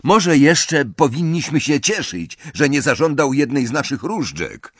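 A man voicing a blunt, excitable teenage boy. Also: on the high side, measured pace, breathy edge, dry recording, studio quality, pitched above the performer's own voice, full character voice. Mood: eager.

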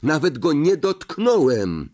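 A man's voice: medium pitch, very animated, measured pace, voice pushed up. A man voicing an angry, defensive teenage boy who answers in a heated, indignant way.

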